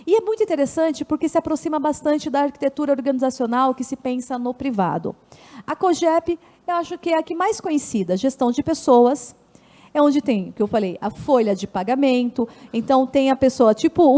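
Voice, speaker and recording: A woman's voice: high-pitched, mellow. A woman with a Brazilian Portuguese accent, an official giving an online seminar talk. She explains step by step, often corrects herself mid-sentence, and poses questions to herself before answering them. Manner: frequent restarts and self-corrections. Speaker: public administration official presenting her department.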